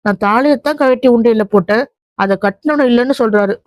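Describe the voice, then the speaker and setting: A woman's voice: a little high, fast talker, no echo, close to an everyday voice. A woman voicing a hurt young wife who pours out her grievances to her husband in a run of reproachful questions. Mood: aggrieved.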